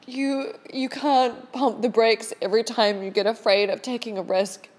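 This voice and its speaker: A woman's voice: fairly high pitch, steady tone, moderate pace. A woman hosting her own show, speaking in a casual, reflective monologue with an earnest, confessional and emphatic delivery. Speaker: host of a solo show.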